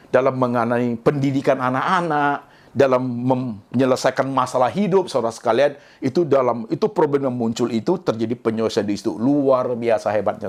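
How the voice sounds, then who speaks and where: A middle-aged man from Indonesia preaching a sermon, often addressing his listeners directly and mixing in English phrases. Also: medium pitch. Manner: mixes English phrases into speech. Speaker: pastor.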